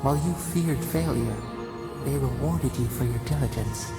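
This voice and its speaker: In this dramatic game narration, a gravelly voice of medium pitch plays a solemn, age-old spirit of nature at a moderate pace. The ominous, reverent lines are cryptic and poetic, and they echo under loud music that dominates the recording.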